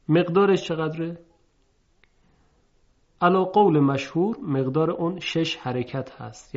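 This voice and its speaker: A man teaching Quran recitation in a measured, explanatory way, slowly drawing out example words to show their sound. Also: on the high side, darkish tone. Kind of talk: recorded lesson lecture. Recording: muffled lo-fi recording.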